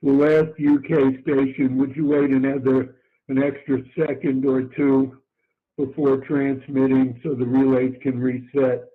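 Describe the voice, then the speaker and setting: A man with a mid-pitched voice hosts an amateur radio net in a polite, halting way. He is heard through a thin, band-limited two-way radio link. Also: level tone, narrow, tinny audio.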